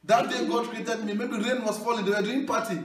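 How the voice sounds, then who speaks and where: With a very high voice and a fairly quick delivery, a young Nigerian comedian with a Nigerian accent works through his stand-up stories, loud and animated, bursting into singing and shouting at the punchlines. He uses a handheld mic in a small hall with wood panelling, recorded from across the room with plenty of echo.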